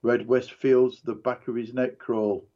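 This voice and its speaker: A man reading a dramatic book passage aloud in a measured, deliberate way. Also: medium pitch, flat delivery, warm tone, dull audio. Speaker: narrator.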